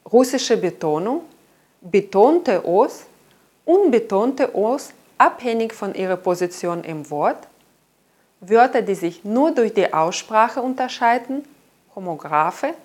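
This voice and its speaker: A woman giving a careful, clearly enunciated lesson as a language teacher in scripted narration. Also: medium pitch.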